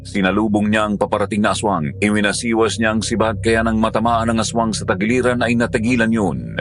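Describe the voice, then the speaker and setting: A man narrating a horror story in the first person, measured and dramatic. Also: lowish voice, fairly even intonation, slight background noise.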